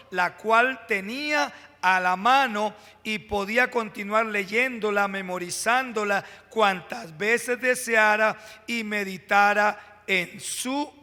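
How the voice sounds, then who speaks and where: A high, bright male voice, preaching to his congregation. He pushes key words with rising emphasis and drops into pauses and direct asides. The sound rings with a long church reverb. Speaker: pastor. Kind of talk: sermon. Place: church sanctuary.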